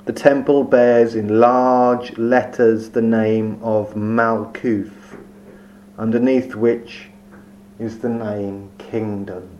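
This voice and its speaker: A man guiding a meditation, speaking very slowly and softly with long, calm pauses. His voice sits at an ordinary pitch. The recording is dull and lo-fi with a faint hum underneath. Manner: slow, soft, soothing delivery with long pauses. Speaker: meditation guide. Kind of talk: guided meditation.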